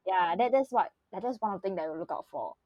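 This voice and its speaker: A woman's voice: mid-range voice, animated, fast talker, dull audio, a crowd in the background. A young woman with a Singaporean accent chatting casually and teasingly in colloquial Singlish, full of sentence-end particles, with a giggly manner. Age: young adult. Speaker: podcast host. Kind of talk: casual chat.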